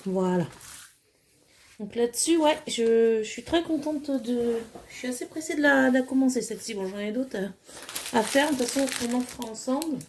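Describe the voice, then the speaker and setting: Woman vlogger, fairly high mellow voice, chatty and hesitant, faint packaging rustle behind. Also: moderate pace, slight background noise. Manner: chatty, hesitant with many fillers, enthusiastic. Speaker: crafting vlogger. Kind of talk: casual unboxing chat.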